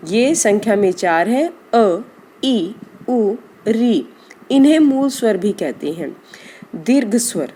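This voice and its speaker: A woman with a slightly high, mellow voice teaches a grammar lesson. She speaks very slowly and drawn out sounds serve as examples. A faint hum of noise sits behind her. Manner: slow, deliberate explanation, drawing out example sounds.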